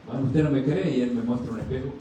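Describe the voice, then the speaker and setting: A man's voice: mid-range voice, fast talker, mellow, slight background noise. A male pastor preaching a sermon, asking the congregation questions and acting out short dialogues in a raised voice. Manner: asks the congregation questions and answers them; acts out dialogues with rising voice. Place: church sanctuary. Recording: distant mic in a very echoey church.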